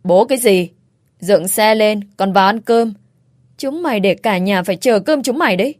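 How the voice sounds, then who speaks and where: Woman doing a gruff domineering father-in-law. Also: medium pitch, normal speed, darkish tone, no room sound, clean studio sound, natural voice. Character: stern, stingy old father-in-law, domineering.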